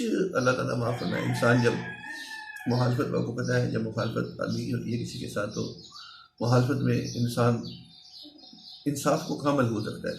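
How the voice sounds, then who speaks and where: A man giving a measured religious lecture, patiently explaining his points with worked examples. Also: medium pitch, a little hiss or hum. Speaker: religious speaker. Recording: echoey room.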